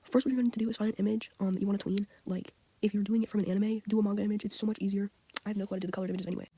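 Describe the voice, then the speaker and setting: A sick teenage girl with a hoarse, childlike-sounding voice, rambling casually through a drawing tutorial with lots of fillers. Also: mid-range voice, fairly even intonation, rapid-fire, mellow. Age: teens. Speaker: tutorial maker. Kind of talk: casual screen-recorded tutorial.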